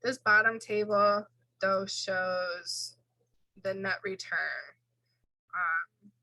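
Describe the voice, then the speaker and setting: Bright-voiced woman lecturing over slides. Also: mid-range voice, fairly even intonation, extremely slow, dry recording, poor audio. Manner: casual, explains tables with fillers and self-corrections. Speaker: instructor.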